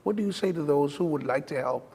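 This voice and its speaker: A man hosting an interview, speaking in a measured, somewhat hesitant way. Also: a little high, creaky, darkish tone, slightly rough, big-room sound. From Bahamas. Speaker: talk show host.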